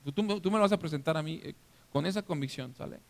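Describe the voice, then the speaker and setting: High-voiced Mexican pastor preaching in a reverberant hall. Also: male voice, fast talker, creaky. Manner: interactive, keeps checking the congregation is following; animated, acts out scenes for the listeners. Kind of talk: sermon. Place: church hall. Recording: long reverb of a church hall.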